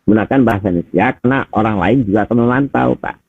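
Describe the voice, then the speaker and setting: Racing along in a lowish, husky voice, a middle-aged teacher trainer delivers conversational feedback on a video call. He speaks to Pak and Bapak Ibu, throws in rhetorical questions often, and the tinny audio has no echo.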